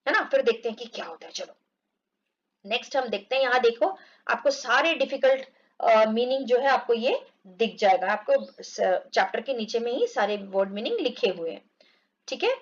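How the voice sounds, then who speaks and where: A woman explaining an English textbook story to children, reading the lines slowly and acting out the characters. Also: on the high side, animated. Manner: reads English lines slowly, explains in Hindi, acts out groans. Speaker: English teacher. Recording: dull lo-fi recording.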